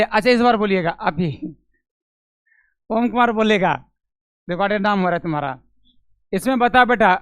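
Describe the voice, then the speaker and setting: A man with a high, clean voice teaches physics in a classroom lecture, speaking with a Bihari Hindi accent. He questions his students, repeats each step aloud, and calls on them by name. There is no echo in the recording.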